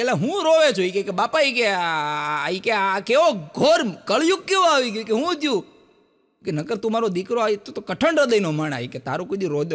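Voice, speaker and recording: A man performs live stand-up, spinning folksy village jokes. His voice sits high, and he trades quoted lines between characters in rapid dialogue. A long reverb hangs behind him on the stage. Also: a bit bright. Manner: folksy storyteller acting out villagers' lines in quick quoted exchanges. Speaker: stand-up comedian telling jokes. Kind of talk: live stand-up joke telling. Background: audience laughter.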